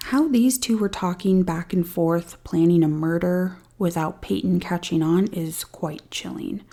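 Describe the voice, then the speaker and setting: Low gravelly woman narrating true crime. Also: measured pace, dark tone. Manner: dry, sarcastic asides between retelling. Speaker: podcast host. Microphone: studio-style podcast mic.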